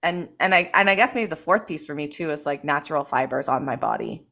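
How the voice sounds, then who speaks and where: A woman's voice: deep voice, lively intonation, a little fast, gravelly, sharp tone. A woman hosting a podcast, talking in a chatty, rambling way full of likes and you knows. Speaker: podcast host. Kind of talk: casual chat.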